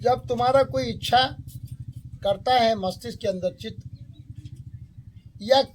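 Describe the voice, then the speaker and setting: Slow-spoken male satsang teacher. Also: extremely high pitch, slight background noise. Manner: slow, explains terms by repeating and defining them. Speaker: spiritual teacher. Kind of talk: satsang discourse.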